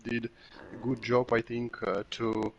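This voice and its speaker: Male race winner, slow, gravelly, hesitant interviewee. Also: medium pitch, little pitch movement. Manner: slow, halting, many uhs, tired.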